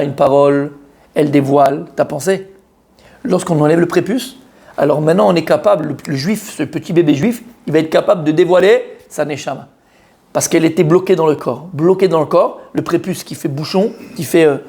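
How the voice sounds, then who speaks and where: High-voiced rabbi teaching a class. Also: male voice, gravelly, darkish tone. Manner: talks straight to listeners, repeats key words, many fillers. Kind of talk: informal Torah lesson to a live group.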